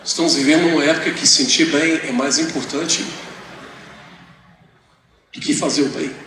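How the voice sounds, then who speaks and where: A man interpreting a sermon for a visiting preacher, preaching with passion and moving between shouted emphasis and hushed asides. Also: a little high, steady tone, moderate pace, slight background noise. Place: large auditorium. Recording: echoey hall, voice from a distance.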